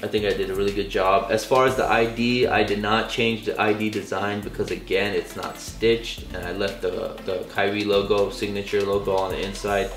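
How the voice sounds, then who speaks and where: A young Californian man with a low voice that is starting to go, chatting in a relaxed, slangy way with lots of filler words. He is recorded in an echoey room, with faint music playing underneath. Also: normal speed, hardly any pauses. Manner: relaxed, enthusiastic, slangy talk with many fillers. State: losing his voice. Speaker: sneaker vlogger. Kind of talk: casual vlog show-and-tell.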